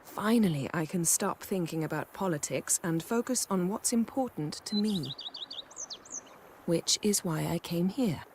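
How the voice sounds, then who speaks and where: Self-assured sorceress, lowish voice, cool and wry, game scene. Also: female voice, expressive, measured pace, darkish tone, slight background noise. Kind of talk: video game voice acting.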